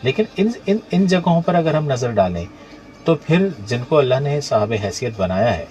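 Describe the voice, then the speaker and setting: A man's voice: mid-range voice, sing-song, darkish tone, lo-fi sound, faint music behind. A man hosting a radio talk show, asking questions conversationally and affirming his guest often. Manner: conversational, asks questions with many affirming interjections.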